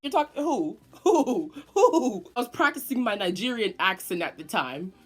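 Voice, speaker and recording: An eighteen-year-old vlogger tells her viewers a dramatic storytime in a breathy, fairly high voice at a moderate pace. She's animated and casual, swearing often as she goes.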